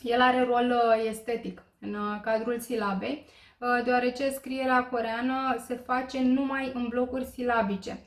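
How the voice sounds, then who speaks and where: A woman teaching a language lesson, explaining slowly with many filler pauses and checking in with listeners. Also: fairly high pitch, little pitch movement. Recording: echoey room.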